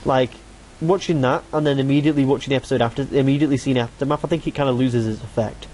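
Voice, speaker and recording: Fast-talking young podcast host. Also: male voice, medium pitch, steady tone, warm tone, a little hiss or hum, low-quality recording. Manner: rambling, restarts sentences, swears casually. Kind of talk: casual podcast chat.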